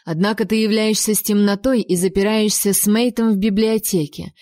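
A woman's voice: medium pitch, steady tone, brisk, a little mellow, no room sound, studio quality, natural voice. A woman voicing a jealous, cold-tempered male king in an audiobook reading, with a mocking, commanding manner.

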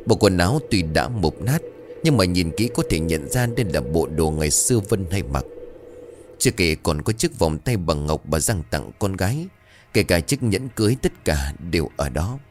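Man, very low voice, lively intonation, ghost-story narration, faint music. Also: normal speed.

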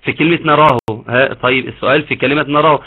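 A man with an Egyptian accent leads an online recitation class, his voice on the higher side for a man. It comes through a tinny, phone-like line and sounds husky. He explains patiently, stopping to model slow, drawn-out recitation. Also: steady tone. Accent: Egyptian Arabic. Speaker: Quran recitation teacher. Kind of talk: online tajweed lesson.

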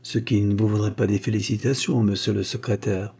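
A man's voice: fairly low pitch, fairly even intonation, fairly quick, vocal fry, warm tone, slightly rough. A man voicing a boastful, cheeky Gascon private detective who talks with cocky self-assurance.

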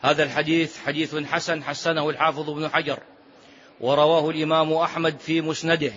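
A man's voice: on the high side, level tone, fast talker, fairly bright tone. A man giving a didactic religious lesson in formal Standard Arabic with colloquial asides, repeating phrases and posing questions to his listeners. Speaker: preacher teaching before congregational prayer. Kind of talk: religious lesson, explaining scripture. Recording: muffled, dull lo-fi lecture recording.

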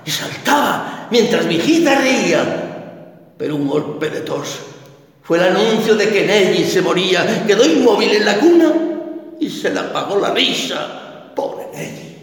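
Theatrical man reciting slowly. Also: high voice, big pitch swings. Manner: theatrical, declamatory. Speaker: actor, guest. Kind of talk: dramatic poetry recitation. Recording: echoey hall, distant mic.

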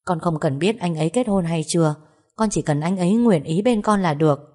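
A woman's voice: fairly low pitch, brisk, a little mellow, close to an everyday voice. A woman voicing an obsessive, heartbroken young woman who speaks stubbornly through tears in an audio story.

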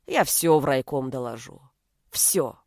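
A woman's voice: a bass voice, expressive, measured pace, darkish tone, no room sound, clean studio sound, voice pushed down, exaggerated voice. A woman doing a sneering pompous school director. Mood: contemptuous. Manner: sneering, bureaucratic threats. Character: pompous fat male Soviet school director, scornful.

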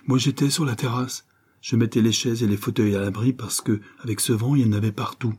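Brief: man voicing housekeeper woman, plain recounting, dark tone. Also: mid-range voice, steady tone, a little fast, husky, lightly acted.

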